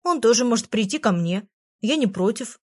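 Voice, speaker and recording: A woman's voice: fairly high pitch, lively intonation, darkish tone, no room sound, clean studio sound. Woman reading as a sassy little fairy. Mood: defensive. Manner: pert and proud, quick to take offence. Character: tiny sassy touchy female fairy. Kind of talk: audiobook character voice.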